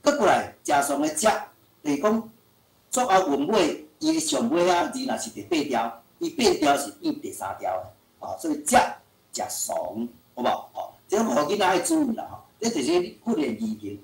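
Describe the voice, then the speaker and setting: A man's voice: sits high, huge pitch swings, moderate pace, creaky. A male lecturer giving an online language lesson in a chatty way, full of filler sounds. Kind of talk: online teaching talk. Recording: roomy echo.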